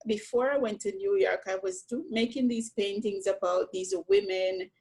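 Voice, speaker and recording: A woman from Jamaica, a painter telling her story in a relaxed, reflective conversation, often saying "you know". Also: medium pitch, normal speed, creaky, slightly rough, low-quality recording. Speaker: painter, interview guest.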